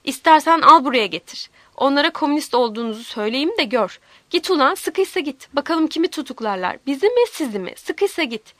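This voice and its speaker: A woman voicing a furious older woman who drives a girl out of her house, shouting and scolding. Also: high voice, expressive, a little fast, no echo. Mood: defiant shouting.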